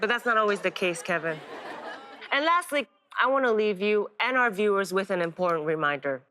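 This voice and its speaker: Bright-voiced woman presenting funny clips. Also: mid-range voice, animated, fairly quick, a faint crowd, a little hiss or hum. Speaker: guest presenter on a comedy show. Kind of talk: comedic commentary.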